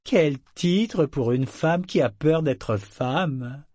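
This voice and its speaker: A man's voice: on the high side, animated, unhurried, no echo, studio quality, voice pushed up. A man voicing a drugged, cruel, arrogant male governor who barks orders and mocks. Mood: mocking. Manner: barking orders, mocking, bursts into shouts.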